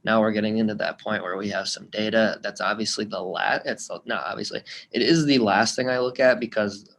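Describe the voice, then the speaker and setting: A man's voice: on the low side, fairly even intonation, fairly quick, creaky, a bit bright. A man co-hosting a betting podcast, explaining his college basketball pick in a loose, casual way. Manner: explains picks loosely with fillers. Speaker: podcast co-host. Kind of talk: casual sports betting analysis.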